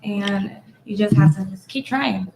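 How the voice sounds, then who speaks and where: A woman's voice: medium pitch, unhurried, gravelly, noisy background. A woman in her twenties, a panel guest, introducing herself casually and frankly. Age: 20s. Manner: casual, frank, trailing off softly.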